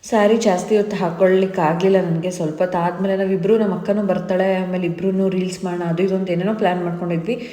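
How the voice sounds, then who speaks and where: Chatty, meandering stories come from a Mysuru woman in her thirties who runs a family vlog, speaking in casual narration. She talks quickly in a fairly low, dark-toned voice with fairly even intonation. The room she records in echoes noticeably.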